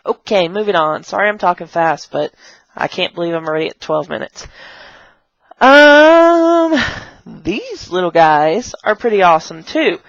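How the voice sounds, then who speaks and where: Very animated yet unhurried, an online English teacher with a fairly low voice rambles bubbly through a casual vlog, showing off props and jumping into playful kid voices. The home camera mic gives dull, dry audio without echo.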